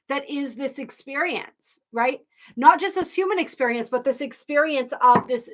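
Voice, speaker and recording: A woman's voice: on the high side, sharp tone. A woman hosting a live spiritual stream, talking casually and effusively to viewers, rambling with many restarts and at times near tears. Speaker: host of a live astrology and tarot stream.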